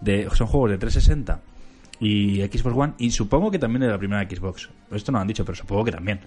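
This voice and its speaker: A man's voice: fairly low pitch, fast, a little mellow, faint music behind. Hesitant, playful man. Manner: playful, hesitant, full of restarts. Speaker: podcast co-host. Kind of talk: casual chat.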